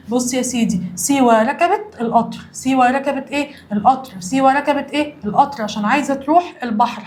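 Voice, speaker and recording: Brief: high-pitched Egyptian woman teacher, quick drilling delivery, echoey room. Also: a little mellow. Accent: Egyptian Arabic. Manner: repeats questions and answers, uses memory tricks. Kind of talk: primary school lesson with call-and-response drills. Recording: roomy echo, faint ambience.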